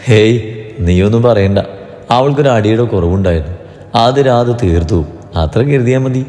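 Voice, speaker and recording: A man's voice: fairly low pitch, moderate pace, mellow, echoey room, long reverb tail, pitched below the performer's own voice, close to an everyday voice. A man voicing a cheerful, reassuring young male friend in a read-aloud story.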